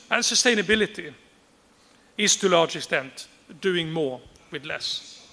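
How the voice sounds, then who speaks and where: Bright-voiced man giving a formal speech. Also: fairly high pitch, in a large hall. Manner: measured, deliberate, repeats key phrases for emphasis. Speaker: conference speaker.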